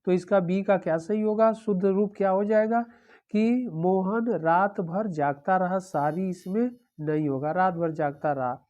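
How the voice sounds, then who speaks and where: A woman's voice: fairly low pitch, a little slow, dark tone. A woman teaching an exam-prep lesson, going through the answer options one by one and repeating them, with a frequent "okay".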